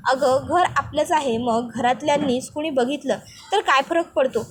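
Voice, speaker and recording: A woman's voice: high-pitched, moderate pace, lightly acted. A woman voicing a playful, affectionate young husband who coaxes and teases his wife. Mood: teasing. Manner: teasing, coaxing.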